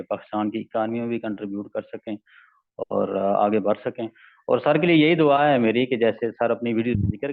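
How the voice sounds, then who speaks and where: A man's voice: lowish voice, narrow, tinny audio. A man giving a respectful, grateful testimonial about his teacher. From Pakistan. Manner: respectful, grateful, calls the host sir.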